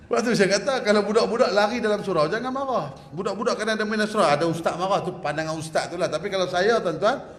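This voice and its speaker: A man preaching a religious lecture in a mosque prayer hall. He is lively and joking, often asks the audience to agree with him, and ends with a prayer. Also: sits high. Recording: echoey hall with faint background hum.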